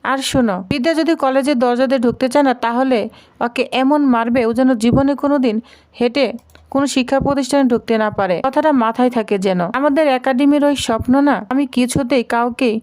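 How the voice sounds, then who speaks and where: Brief: a woman reading as a cold scheming father in a serial recap, commanding tone, high voice. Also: steady tone, brisk, a little mellow, natural voice. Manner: commanding, threatening. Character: scheming middle-aged man, ruthless businessman father.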